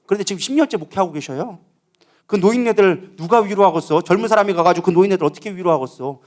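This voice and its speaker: A male pastor preaching with a high voice that runs fast. He presses hard on key phrases, acts out troubled inner voices, and keeps asking his congregation questions. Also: darkish tone. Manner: emphatic, acts out inner voices with rising pitch. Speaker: co-lead pastor. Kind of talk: sermon at a prayer meeting.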